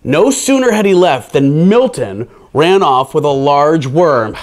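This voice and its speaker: A man's voice: on the high side, expressive, a little slow. A man hosting children's storytime, reading a picture book aloud with playful, theatrical delivery and casual asides.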